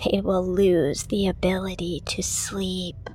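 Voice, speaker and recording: A woman voicing a malevolent stick-figure entity that speaks in a slow, icy, hissing whisper. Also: lowish voice, flat delivery, darkish tone, husky. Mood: menacing whisper.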